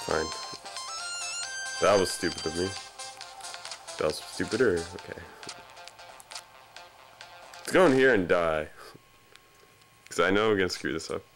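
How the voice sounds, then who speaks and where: Over video game music, a young let's play commentator jokes casually and makes fun of himself. His low voice is animated and slightly bright, a little slow, with frequent pauses.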